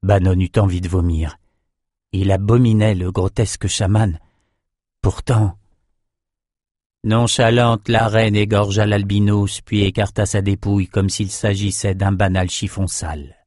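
A man reading a fantasy story aloud in a steady, vivid storytelling manner. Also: fairly low pitch, a little slow, dry recording, clean studio sound. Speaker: audiobook narrator. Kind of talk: scripted narration.

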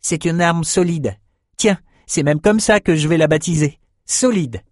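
Man voicing a high breathless young sailor, boastful, eager, dry close storybook reading. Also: unhurried, no room sound, close to an everyday voice. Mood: proud.

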